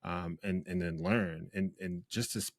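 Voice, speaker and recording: A man hosting an interview show, asking questions in a relaxed, casual way with some slang. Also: sits low, moderate pace, creaky, no echo, clean studio sound. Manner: relaxed, uses slang like bro. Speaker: podcast host.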